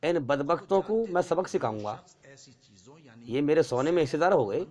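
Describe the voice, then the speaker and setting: A male preacher voicing a poor, ragged man who pleads for his life, his voice climbing high when he begs. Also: lively intonation, darkish tone, lightly acted. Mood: scheming. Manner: begging, rising into a frightened plea.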